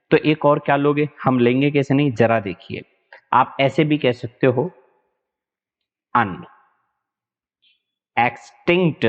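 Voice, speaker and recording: Man teaching vocabulary over a tinny line. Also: medium pitch. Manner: spells words letter by letter, drawls slowly over English examples; keeps checking in with "right na" and "is that clear". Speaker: English teacher. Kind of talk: online exam-prep lecture. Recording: tinny, phone-like sound with a long hall echo.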